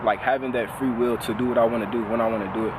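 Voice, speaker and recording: A man of twenty talking casually and reflectively as a vlogger, relaxed and full of fillers. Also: medium pitch, very fast, noisy background. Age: 20s. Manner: relaxed, conversational, lots of "like" fillers.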